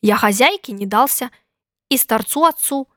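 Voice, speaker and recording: A woman's voice: fairly high pitch, expressive, moderate pace, bright, forceful tone, dry recording, studio quality. A woman voicing a boastful runaway pancake that brags in a sing-song way about escaping everyone.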